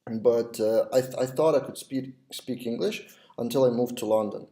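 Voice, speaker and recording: This web developer vlogger from Lithuania, a man in his thirties, talks casually into his webcam in a small office, his Lithuanian accent clear and his speech full of hesitant fillers and restarts. His voice is medium-pitched and mellow at a moderate pace.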